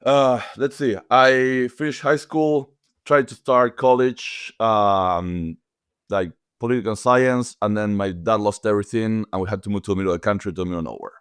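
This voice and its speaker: A man's voice: fairly low pitch, moderate pace, clean tone, no room sound, studio quality. A man from Argentina with an Argentine Spanish accent, a guest in a casual podcast interview, who sometimes searches for words in English.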